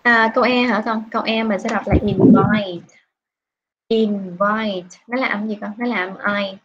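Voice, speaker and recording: There's a noisy background as a woman English teacher from Vietnam, her voice on the high side with fairly even intonation, questions students on a video call. She is patient and lets her prompts drag out; the online class audio is dull and lo-fi.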